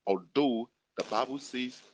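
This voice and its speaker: A male pastor with a Nigerian Yoruba-tinged accent delivers a sermon at a mid-range pitch. He hammers each point by repeating it several times and leads his listeners in call-and-response. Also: unhurried, noisy background. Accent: Nigerian, Yoruba-influenced. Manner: repetitive, emphatic preaching with call-and-response. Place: prayer room gathering, fed to an online audience.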